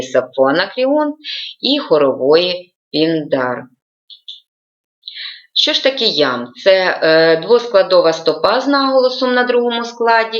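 A woman with a slightly low voice gives an online school lesson. She reads from her notes and often stops to hesitate. The recording sounds dull and lo-fi. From Ukraine. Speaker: teacher.

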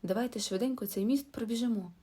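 An excited little boy dinosaur from a storybook, eager and bold, as a woman puts him on. The voice is higher than her own and a little husky. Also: quick pace. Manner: excited, bouncy.

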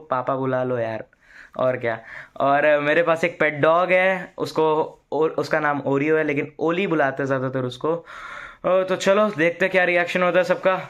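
A young man talking casually to a handheld phone camera at home, chatty and playfully teasing his family. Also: a little high. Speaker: vlogger. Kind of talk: casual vlog narration.

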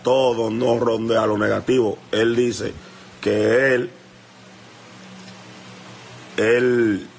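A man's voice: medium pitch, creaky, darkish tone, slight background noise. A young man with a Dominican accent, talking straight into a phone livestream in a heated, confrontational rant, repeating himself and asking whether the listener understands. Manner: confrontational, repetitive, keeps asking "you understand?". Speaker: musician addressing a rival.

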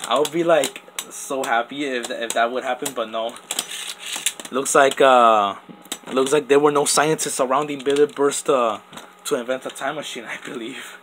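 His mid-range voice stays steady at a normal speed while background noise plays. The young toy battle channel host, maybe a teen, comments casually off camera over the top battles, rambling and restarting with frequent "like" and "literally."

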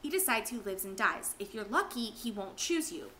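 A woman's voice: medium pitch, very animated, normal speed, pushed and bright. A woman doing a fierce, panicked teenage boy in a storybook. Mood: urgent. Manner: hissed, urgent whisper.

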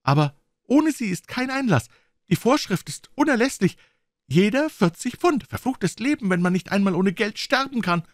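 A man voicing a bitter, desperate young man who breaks into high, overwrought outbursts. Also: very animated, normal speed, no room sound, clean studio sound. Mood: frantic.

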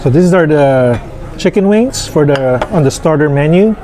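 On an outdoor patio, a man in his thirties reviews restaurant food for his food vlog in a casual, halting way with plenty of fillers, speaking slowly and at ease. His voice is on the high side, captured by a camera on the table across from him, with slight background noise.

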